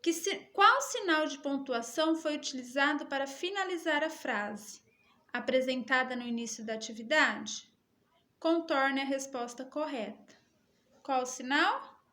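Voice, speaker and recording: Her voice is high-pitched, expressive, pushed and bright as she reads a schoolbook lesson to children. She's a teacher with a Brazilian Portuguese accent, drawing out her words with slow, exaggerated intonation.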